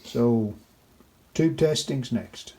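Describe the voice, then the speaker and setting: Extremely slow and mellow, with a medium pitch, a man narrates his radio repair as a hobbyist restorer in a video. His commentary is casual and unscripted, made of short phrases as he thinks aloud while working. There is clear noise in the home-video sound.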